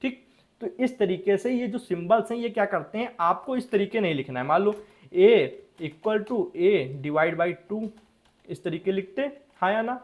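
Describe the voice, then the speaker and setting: A man's voice: high voice, a little slow. A young man teaching programming in a casual, chatty way, often checking that students follow. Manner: chatty, repeats "ठीक है" and checks understanding. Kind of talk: casual classroom explanation.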